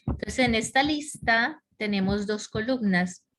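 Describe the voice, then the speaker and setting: A woman's voice: fairly high pitch, animated, measured pace, fairly bright tone. A woman teaching an English grammar lesson online, explaining rules step by step and often checking in with her students. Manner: explains step by step, checks understanding with frequent questions.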